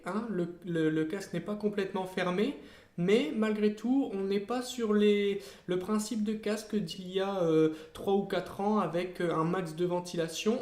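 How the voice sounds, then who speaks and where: A channel host giving a casual product review, often pausing to search for words and correcting himself mid-sentence. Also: mid-range voice, darkish tone. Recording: roomy, echoey room sound.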